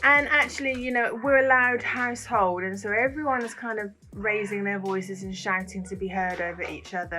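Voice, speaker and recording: A woman talking candidly and haltingly in a casual personal vlog, sounding weary and emotionally strained. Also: mid-range voice. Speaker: parent vlogger. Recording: music behind the voice. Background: music.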